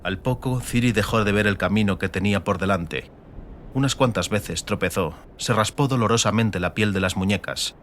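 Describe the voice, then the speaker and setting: Narrating a fantasy audiobook, a man with a fairly low, somewhat bright voice delivers a scripted, dramatic reading at a moderate pace. A slight rumble of noise runs underneath.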